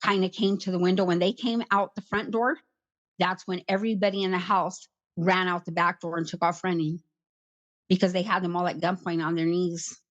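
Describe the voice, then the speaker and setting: A middle-aged woman recounting her past in an interview, in a plain, halting way with many "like" fillers. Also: fairly low pitch, level tone, highs cut off. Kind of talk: personal account in conversation.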